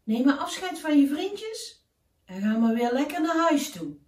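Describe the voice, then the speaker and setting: A woman voicing an urgent, caring male raven in a storybook tale, in a hurried way. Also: sits high, very animated, a little mellow, pitched above the performer's own voice. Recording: roomy, distant from the mic.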